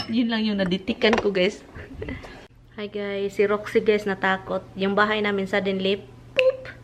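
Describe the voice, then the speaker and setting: A woman's voice: medium pitch, flat delivery, takes it slowly, noisy background. A middle-aged woman from the Philippines with a Visayan accent, chatting casually and giggling as she vlogs at home. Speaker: vlogger. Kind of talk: casual chat to camera.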